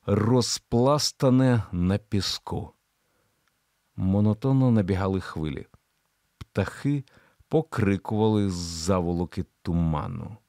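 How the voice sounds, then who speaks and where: A man narrating a thriller audiobook in an expressive storytelling delivery. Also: lowish voice, dry recording, studio quality.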